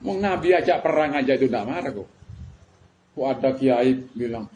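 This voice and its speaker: A man's voice: medium pitch, expressive, normal speed, darkish tone, highs cut off. A middle-aged man with a Madurese-Javanese Indonesian accent giving a religious lecture, emphatic and full of rhetorical questions. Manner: emphatic, rhetorical questions, mixes colloquial words. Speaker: preacher. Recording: faint background noise.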